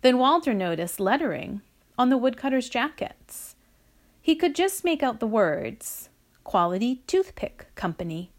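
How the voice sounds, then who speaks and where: A woman reading a children's story aloud, with a slow, expressive delivery. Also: high voice.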